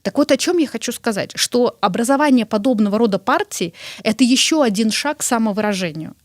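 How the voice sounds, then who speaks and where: A woman answering interview questions in a measured, explanatory way, often turning to the listener to make her point. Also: a little high, expressive, no room sound, studio quality. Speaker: guest.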